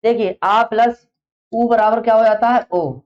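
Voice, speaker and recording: In a dull, lo-fi classroom recording, a woman with a somewhat high, steady voice teaches an exam-prep class at a slightly slow pace. She fires off a question, repeats it, then answers it herself.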